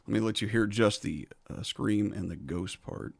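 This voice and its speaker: A man casually walking through how he recorded his own song, talking in a relaxed, conversational way. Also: fairly low pitch, normal speed, gravelly. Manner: laid-back and conversational, says "man" and "so". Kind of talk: casual studio walkthrough.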